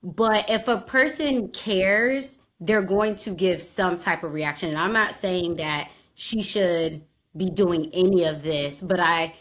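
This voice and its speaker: Woman cohost, lowish voice, dry jokes, laughs a lot, just chatting. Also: a bit bright. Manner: wry, quick to laugh, dry asides. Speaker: podcast co-host. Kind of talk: casual chat recapping a reality show.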